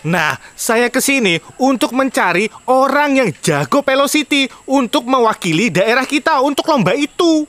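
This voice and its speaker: A performer voicing an earnest, theatrical village man of some authority in an animated parody. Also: sits high, moderate pace, few pauses. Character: Pak Yadi, earnest village official seeking a champion, cartoon man.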